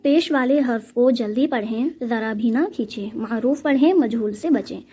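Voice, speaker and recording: A woman's voice: fairly high pitch, moderate pace, dark tone, slightly rough. A woman teaching a reading lesson step by step, patiently drilling letter sounds and repeating each one.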